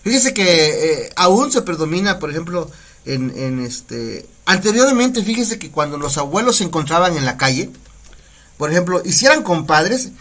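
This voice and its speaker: A man with a Mexican Spanish accent gives a patient radio language lesson. His voice is high and bright, and he speaks at an unhurried pace. He says each word slowly and more than once. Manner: patient, repeats words slowly, asks "¿sale?". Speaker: Nahuatl language teacher. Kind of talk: live-streamed community radio lesson. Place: community radio studio.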